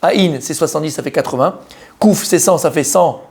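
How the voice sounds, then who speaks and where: A rabbi teaches a weekly Torah class to a live group in a gravelly, somewhat high voice. He is animated and emphatic, quizzes his listeners and repeats key words over and over. Each point lands with force. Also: moderate pace.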